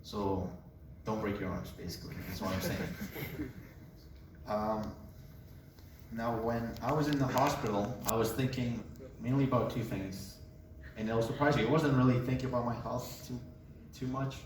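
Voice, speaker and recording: A young man from Colombia giving a casual personal testimony, a relaxed storyteller who jokes as he talks. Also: mid-range voice, normal speed, distant mic, background noise. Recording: echoey room, voice away from mic.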